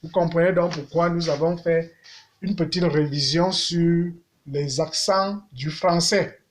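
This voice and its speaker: A man teaching a language lesson, speaking deliberately and repeating words as he sings out vowels to show their tones. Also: fairly high pitch, steady tone.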